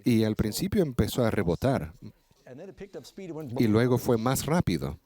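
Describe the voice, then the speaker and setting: A man interpreting a sermon live into Spanish, telling a story and preaching, with halting restarts as he keeps pace. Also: on the low side, big pitch swings, dark tone.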